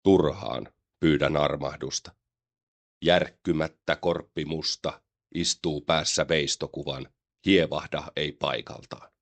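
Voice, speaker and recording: A man giving a slow, solemn, dramatic recitation of a poem. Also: extremely low pitch, steady tone, creaky. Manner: slow, solemn, measured delivery. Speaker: poetry reader.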